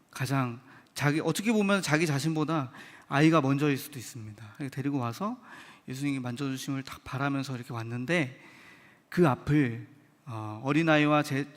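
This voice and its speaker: A man preaching a Wednesday evening church sermon in a conversational way, asking the congregation questions and acting out short quoted lines. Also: fairly high pitch. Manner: acts out short quoted lines in lively voices. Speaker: licensed preacher. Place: church sanctuary. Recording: long hall reverb.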